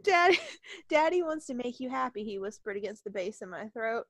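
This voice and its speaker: A woman's voice: on the high side, expressive, a little fast, dry recording. A woman reading fan fiction aloud on a podcast, giggling and breaking off in embarrassment. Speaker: podcast co-host.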